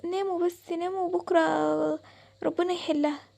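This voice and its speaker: A woman's voice: extremely high pitch, fairly even intonation, brisk, dark tone. A woman voicing a grandmother in a cartoon, soothing and evasive, with an Egyptian accent. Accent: Egyptian Arabic.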